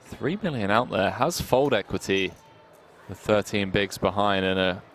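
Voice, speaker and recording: Deep gravelly male poker co-host. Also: unhurried, fairly bright tone. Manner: banters, reads chat aloud. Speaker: poker co-commentator. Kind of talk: live stream commentary.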